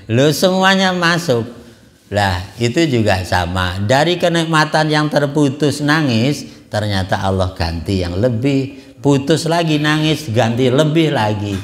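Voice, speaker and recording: A middle-aged man giving a casual sermon in a small prayer hall, full of rhetorical "ya kan" asides and light chuckles. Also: on the low side. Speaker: ustadz giving a religious study talk.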